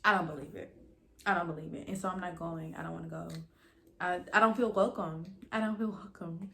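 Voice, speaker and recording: A woman's voice: on the low side, fairly even intonation, brisk, vocal fry, bright, forceful tone. A young woman talks casually to her viewers as a vlog host. A dental retainer slightly impedes her speech. Her delivery is informal and rambling, with emphatic stresses on the points she cares about. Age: young adult. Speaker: YouTube host and esthetician student. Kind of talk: casual chatty vlog to camera.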